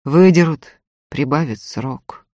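A woman's voice: low-pitched, slow, a little mellow, no echo, studio quality. A woman playing a stern, earnest male doctor who talks in a firm, insistent way.

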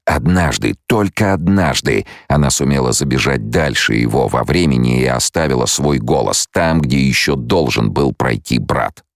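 A man narrating an audiobook in an extremely low, gravelly voice. He reads in an even, measured way, close to the mic. The recording is dry, without any room sound. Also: dry recording.

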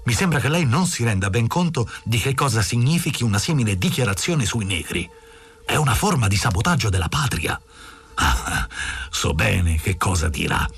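A man's voice: on the low side, lively intonation, fairly bright tone, breathy edge, exaggerated voice. Man putting on a pompous sanctimonious baker. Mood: stern, accusing. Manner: slow, grave, sanctimonious. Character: pompous self-righteous male baker, middle-aged.

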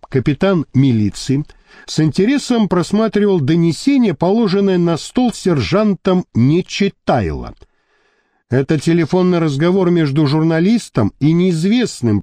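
A man narrating an audiobook in an expressive, animated reading style. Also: a little high, a little slow, dry recording, clean studio sound. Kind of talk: scripted narration.

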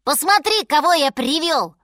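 A woman's voice: sits high, big pitch swings, unhurried, fairly bright tone, no room sound, studio quality, pitched above the performer's own voice, full character voice. A woman voicing a cocky, mocking little male bear cub who talks bossily, in an audiobook fairy tale. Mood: lively. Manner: mocking, bossy.

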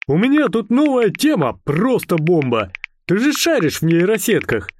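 A man voicing an excitable young startup dreamer in an audiobook, brash and slangy. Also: high voice, moderate pace, slight background noise, voice pushed up. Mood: excited.

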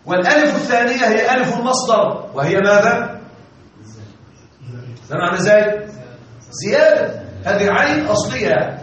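A man teaching Arabic grammar in a classroom lecture, constantly quizzing his students and pausing for their answers. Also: sits high, expressive, fairly bright tone. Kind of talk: classroom lecture with call-and-response questions. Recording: distant, echoey, dull lo-fi with faint hiss.

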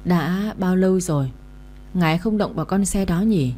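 A shrewd woman speaks with knowing wryness over tea in a storybook reading, voiced by a woman. Her tone is low and mellow. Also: normal speed, a little hiss or hum, natural voice.

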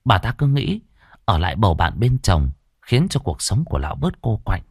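A man narrating a fantasy story as an audiobook reader, in an expressive storytelling manner. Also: on the low side, moderate pace, breathy edge, dry recording, clean studio sound.

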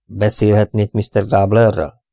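A precise older gentleman detective in an audiobook, choosing each word slowly and carefully, as the man reading puts him on. His voice sits low with a gravelly grain, close and dry. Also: little pitch movement, dry recording. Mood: deliberate. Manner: slow and deliberate, spelling things out.

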